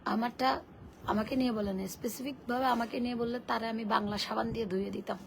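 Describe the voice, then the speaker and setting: A hoarse woman hosting a casual live sale, her voice worn and gravelly from shouting. She speaks in a slightly high register and chats bluntly to her viewers. The stream audio carries a clear layer of background noise. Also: steady tone, fast talker. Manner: chatty and blunt, reads viewer comments aloud.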